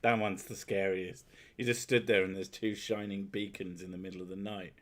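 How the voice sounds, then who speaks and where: A streamer host whose voice sits low talks with a flat delivery at a moderate pace, chatting casually with his partner. Expect free swearing, self-mockery and loud laughter, captured with headphones and a desk mic.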